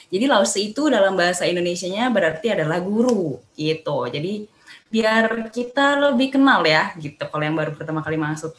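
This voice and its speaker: Cheerful young woman teaching, echoey room. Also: medium pitch. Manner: cheerful, chatty, drills syllables aloud in exaggerated tones. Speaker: Mandarin teacher. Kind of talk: online language lesson.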